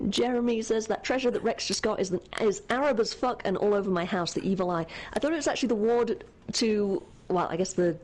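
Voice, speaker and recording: A young woman co-hosting a game stream speaks at a medium pitch and moderate pace, her tone somewhat dark. In this casual let's-play chat she reads out viewer messages with lots of laughs and fillers.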